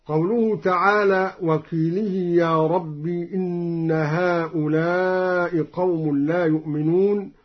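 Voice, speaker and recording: A man teaching the readings of sacred verses, explaining each point in a measured voice and then chanting the verse melodically. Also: sits high. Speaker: Quran recitation teacher. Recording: dull lo-fi recording.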